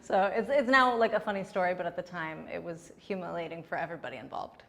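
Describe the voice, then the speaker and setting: A young woman comedian answers interview questions in a candid, chatty way. Her voice sits on the low side and has a gravelly fry to it. A faint hiss runs underneath. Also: quick pace, a bit bright, big-room sound.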